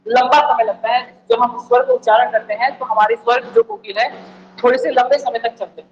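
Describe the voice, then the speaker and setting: High-voiced male teacher quizzing students. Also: a little fast, lo-fi sound. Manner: repeats points and quizzes the listeners with questions. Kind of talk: exam-prep lecture. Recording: echoey room, faint background noise.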